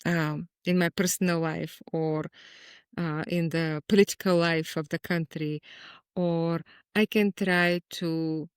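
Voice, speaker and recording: A Bulgarian-born woman, a guest poet, talking in a reflective, measured way in an interview. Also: lowish voice, steady tone, clear, resonant tone, no room sound, clean studio sound. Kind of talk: conversational interview.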